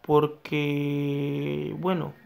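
A young man giving excitable live gameplay commentary, talking to himself and his viewers and repeating his phrases. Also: a little high, drawn-out words, gravelly. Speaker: gaming YouTuber.

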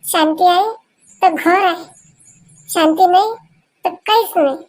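A woman performs in a rural comedy sketch. Her voice sits very high, and she pleads and coaxes with quick, repeated calls of names. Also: darkish tone. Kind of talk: comic sketch acting.

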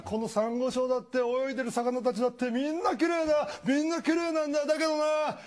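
A man voicing a brash, cheerful male cartoon sea turtle who teases people and shouts his lines. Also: very high-pitched, level tone, fast talker. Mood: gentle. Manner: boisterous, teasing, shouty. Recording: studio audience laughter behind.

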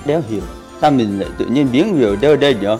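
A man's voice: mid-range voice, animated, fast, a little mellow. Brief: a male streamer joking crudely with his viewers, chatty and casual, with faint music in the background. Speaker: game streamer. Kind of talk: casual live-stream chat.

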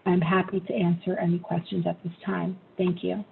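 A woman presenting an agenda item over a teleconference line in a steady, businesslike way. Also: fairly low pitch, moderate pace, vocal fry. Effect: heard over a teleconference line. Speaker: staff presenter. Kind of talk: formal scripted presentation. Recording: tinny phone-line sound, faint noise.

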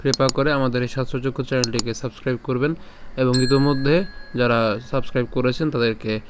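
A man teaching Sanskrit pronunciation, breaking verses into syllables and chanting them slowly. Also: medium pitch, fairly even intonation. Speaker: Gita recitation teacher.

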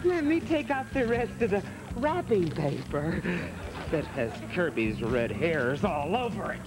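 A man's voice: fairly high pitch, very animated, a little slow, music in the background, rough recording. A middle-aged man playing a greedy, blustering diner manager in a sitcom. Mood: frantic. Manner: grabby, blustering. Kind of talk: sitcom acting.

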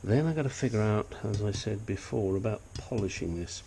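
An older engine restorer with a sniffly nose gives an animated, fairly quick walkthrough in his cluttered garage at home, blunt, chatty, and self-deprecating. His lowish voice is creaky and warm, with slight noise in the background.

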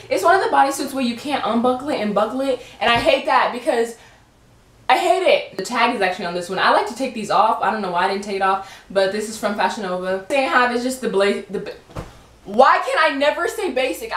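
A woman's voice: fairly high pitch, echoey room. A young woman chatting casually through a clothing try-on haul, giggly and often stumbling over her words. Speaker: vlogger.

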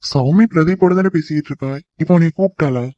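Man as a suspicious cartoon boyfriend, quick terse lines, muffled dry sound. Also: fairly high pitch, a little mellow, dry recording, close to an everyday voice. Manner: terse, instructing. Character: young man, questioning and bossy.

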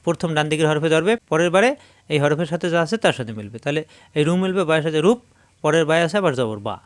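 A male teacher giving a step-by-step Quran reading lesson, slowly sounding out letters and syllables and repeating each one with explanations. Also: fairly high pitch, dry recording. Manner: slow, repetitive drilling of syllables with explanations.

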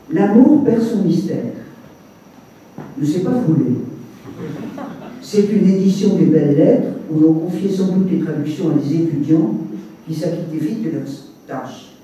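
A man, the author, reads his literary text aloud at a public evening, in a measured way with brief asides, recorded from a distance in an echoey hall. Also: high voice, warm tone, highs cut off, slight background noise. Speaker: author reading his book. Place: reception hall with audience. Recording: echoey room, mic at a distance.

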